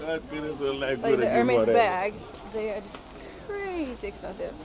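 A woman's voice: medium pitch, very animated, slow pace, vocal fry. A woman chatting casually and teasingly while walking through an outdoor street market, often laughing. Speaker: travel vlogger. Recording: crowd chatter behind.

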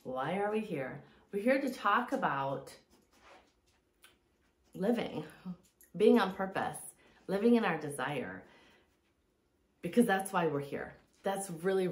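A woman coach gives a reflective motivational talk, leaning on repeated phrases for emphasis. Her voice sits at a middle pitch. The room around her is roomy and echoey. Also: very animated, unhurried, pauses often. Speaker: fitness and mindset coach.

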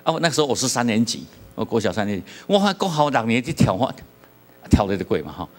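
A middle-aged pastor from Taiwan with a Taiwanese accent, preaching a sermon with humorous stories and questions to the congregation. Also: male voice, mid-range voice, big pitch swings, fast.

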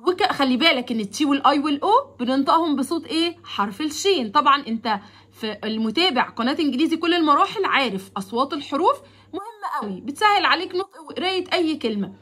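A woman with an Egyptian Arabic accent gives children a vocabulary lesson, drawing English words out slowly and repeating them for pupils to copy. Her explanations then come fast and chatty, in a high, expressive, fairly bright voice.

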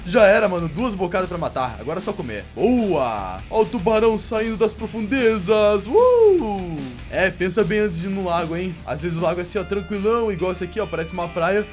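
A young Brazilian man with a Brazilian Portuguese accent, hosting jokey, slangy gameplay commentary and taunting the fish he plays against. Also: high voice. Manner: excitable, jokey, slangy, talks to the game fish. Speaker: gaming YouTuber.

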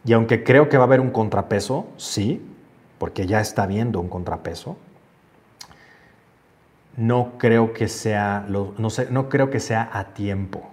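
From a shelved home office indoors, a forties-aged man runs a relaxed stream, earnestly reflecting on the viewer comments he reads out. He speaks in a lowish, darkish voice at an unhurried pace.

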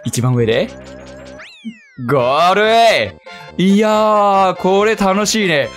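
A young man from Kyushu commentating a video game he is playing, talking to himself, muttering, and yelping in excitement. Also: sits high, slow, faint music behind. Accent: Kyushu Japanese. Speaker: game streamer. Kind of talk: let's play commentary.

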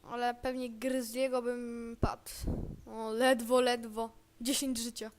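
Woman rambling thru a game, kinda high voice, talks to herself a lot. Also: level tone, slow, a little hiss or hum. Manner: chatty, thinking aloud and muttering to self. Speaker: gamer. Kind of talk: casual gameplay commentary.

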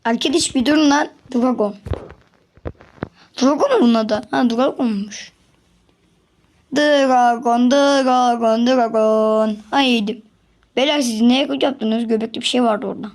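A woman giving casual gameplay commentary for her channel, excitable and chatty, often repeating words as she talks to other players. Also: on the high side, unhurried, pauses often. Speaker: gaming channel host.

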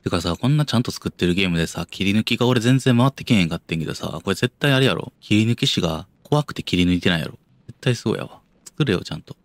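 A young Kansai-accented game streamer plays a horror game, speaking low and then yelping when something startles him, his pitch jumping wildly. He is expressive and jumpy, talks quickly with hardly any pauses, mutters to himself and talks himself down. The audio is dry and close with no room echo.

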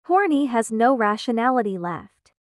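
A woman voicing an excitable, easily flustered young romance heroine in a comic dub. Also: fairly high pitch, moderate pace, no room sound, clean studio sound. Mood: musing. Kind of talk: dubbed comic dialogue.

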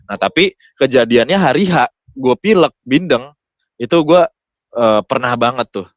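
A man's voice: medium pitch, expressive, moderate pace, dry recording. A young adult man with a Jakarta accent, a guest voice-over talent chatting casually and mixing in English words. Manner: colloquial, peppered with English words. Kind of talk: casual podcast chat.

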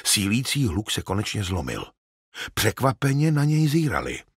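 A man narrating an audiobook in a dramatic, expressive storytelling manner. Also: on the low side, husky, dry recording, clean studio sound.

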